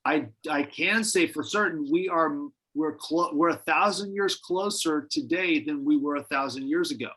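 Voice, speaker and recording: A man's voice: on the high side, moderate pace, hardly any pauses, bright, forceful tone, breathy edge, poor audio. A man leading a church Bible study, teaching in a conversational, musing way with frequent restarts. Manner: conversational, speculative, many restarts. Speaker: pastor.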